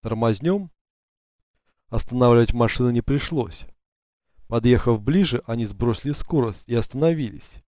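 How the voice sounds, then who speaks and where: A man narrating an audiobook in an even, measured storytelling manner, on a close studio mic. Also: medium pitch, no room sound. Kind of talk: scripted narration.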